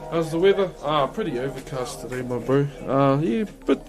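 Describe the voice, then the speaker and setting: A man's voice: medium pitch, lively intonation, moderate pace, over music. Laid-back man with a broad New Zealand accent. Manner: laid-back and colloquial, peppering talk with "bro" and "eh". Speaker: live streamer. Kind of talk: casual chat answering viewer questions.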